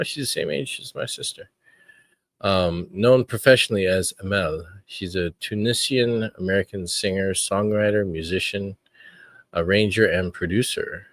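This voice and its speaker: A man hosting his own podcast, talking in an earnest, reflective way with frequent pauses. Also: low-pitched, no echo. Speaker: podcast host. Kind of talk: casual podcast commentary.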